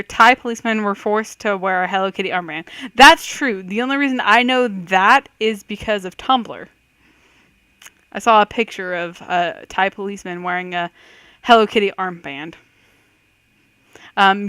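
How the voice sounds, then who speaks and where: Woman, crisp clear voice, dry close sound, casual game commentary, chatty, self-doubting. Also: mid-range voice, bright, forceful tone, no echo. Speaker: host of a let's-play quiz video. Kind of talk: casual quiz game commentary, reading questions aloud and reacting.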